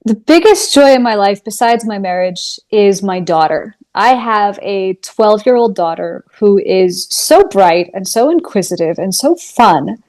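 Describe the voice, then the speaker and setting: A woman's voice: mid-range voice, animated, unhurried, few pauses, darkish tone. A woman in her thirties, a musician guest, talking earnestly and thoughtfully in a casual interview.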